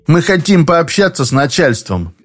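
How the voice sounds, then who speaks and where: A man's voice: a little high, very animated, normal speed, slightly rough, soft background music, voice pushed up. A man doing a stubborn, exasperated office worker. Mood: blunt, exasperated. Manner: blunt, exasperated and pleading. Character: frustrated, stubborn young male office worker.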